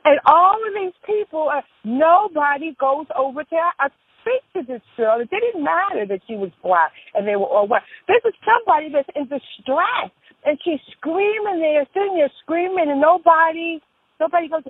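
A woman's voice: high-pitched, lively intonation, normal speed, no room sound. A woman in a casual phone chat, telling stories in a rambling, emphatic way. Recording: tinny phone line.

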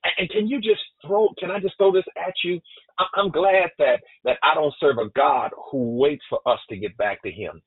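A man's voice: on the high side, moderate pace, breathy edge, no room sound. Man preaching a sermon over a tinny line. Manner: preaching with stammered repetitions and call-outs to the congregation. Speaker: pastor. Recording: tinny phone-like sound.

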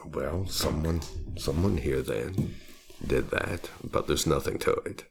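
A man's voice: rumbling low, slow pace, vocal fry, faint music behind. An older man, a longtime house guide, reminiscing conversationally as an interviewee in an attic room.

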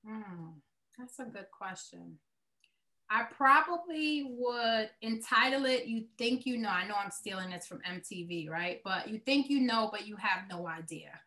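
A woman's voice: medium pitch, animated, unhurried, pushed and bright. A woman with a Brooklyn accent answering interview questions as a nonprofit executive, earnest and emphatic, repeating words to drive a point home. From Brooklyn, New York, United States.

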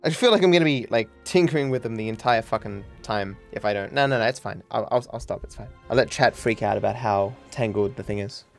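A man's voice: on the low side, fast, creaky, few pauses, faint music behind. A man in his thirties hosting a casual podcast chat, rambling and swearing freely with frequent laughs. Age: 30s. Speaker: podcast host.

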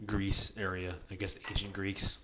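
A man with a low voice hosts a relaxed podcast conversation. He talks loosely, hedges often and restarts his sentences. A faint hiss sits under the recording. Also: normal speed. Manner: rambling, hedging, many restarts. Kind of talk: casual chat.

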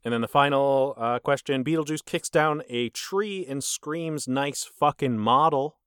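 Man, casual podcast quiz host, dry wry tone, clear resonant voice. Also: medium pitch, measured pace, fairly bright tone, dry recording.

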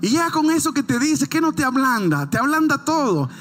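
High, bright-voiced male preacher. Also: very animated, faint music behind. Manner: preaching with rising emphatic lines, slow stressed phrases; tells a family anecdote in quick, casual storytelling. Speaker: pastor. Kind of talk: sermon. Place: church.

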